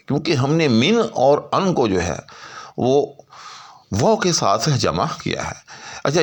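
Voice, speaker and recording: Middle-aged man, patient explainer with a lively pitch, slows down to sound out words. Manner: explains step by step, stretching out words to show how to say them. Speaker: Urdu language and poetry teacher. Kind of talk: explanatory lesson on pronunciation and meaning.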